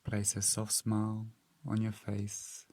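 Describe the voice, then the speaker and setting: A man leading a scripted guided meditation for beginners, calm and soothing, with long pauses between phrases. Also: lowish voice, husky.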